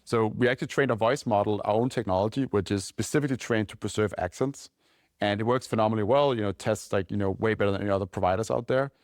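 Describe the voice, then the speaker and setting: Speaking on the low side with a touch of mellowness, a Danish-accented man who founded a company fields questions on a casual podcast. He rattles along loosely, leaning on "like" and "right?". The studio-quality audio carries no room sound.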